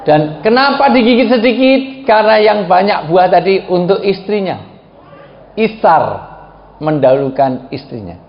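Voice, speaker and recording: A man with a Javanese accent giving a humorous sermon, telling stories and acting out quoted voices with high shouts. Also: animated, unhurried. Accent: Indonesian, Javanese. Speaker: preacher. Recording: roomy, dull sound with faint ambience.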